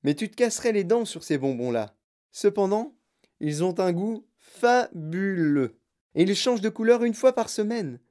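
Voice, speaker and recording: A narrator voicing an excitable, eccentric grown-man candy-maker who talks in boastful, bouncy exclamations. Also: medium pitch, normal speed, pitched above the performer's own voice, natural voice. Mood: boastful, excited.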